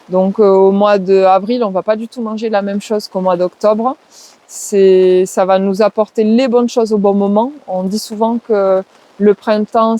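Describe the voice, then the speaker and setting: Speaking in a mid-range voice with a dark tone, a guest who trains people in permaculture responds to an interviewer in her southwest French accent. She goes on at length, hesitant and full of fillers like "euh" and "ben," and tends to list things off.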